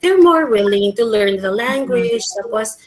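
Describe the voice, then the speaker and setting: A woman teacher talking through her observations of students in a casual discussion, switching between two languages and pausing often with um. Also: a little high, lively intonation, rough recording. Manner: thoughtful, many um fillers.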